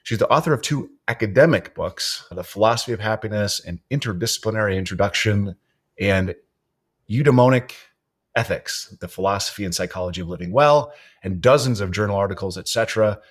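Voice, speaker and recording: Low-voiced male host: relaxed, friendly interviewer, easygoing questions. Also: brisk. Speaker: podcast host, financial advisor. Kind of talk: podcast interview.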